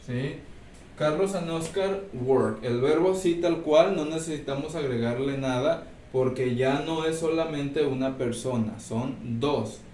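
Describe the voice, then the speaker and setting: A man teaches a recorded lesson, slow and patient, checking in. His somewhat high voice comes from a distance in an echoey room a faint hiss behind it. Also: a little mellow. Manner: explains step by step, checks in with "¿sí?". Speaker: English teacher. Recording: roomy, distant mic, faint background noise.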